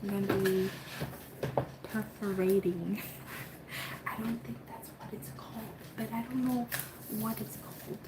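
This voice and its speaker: A soft-spoken woman talks slowly through a casual unboxing vlog at home. She rambles and leans on fillers. A steady hum of room noise sits behind her voice. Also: mid-range voice. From Cuba. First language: Spanish. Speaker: coloring book creator and channel host.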